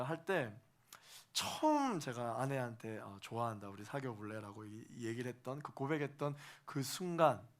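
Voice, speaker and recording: A male pastor preaching to young adults, emphatic, repeating phrases for stress and swinging between soft and loud. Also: medium pitch. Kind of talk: sermon to a young adults' congregation.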